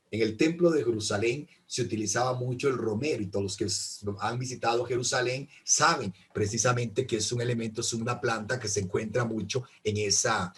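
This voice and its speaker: A middle-aged man, a priest teaching an informal Bible class, who explains patiently and keeps checking in with his listeners. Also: medium pitch. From Costa Rica.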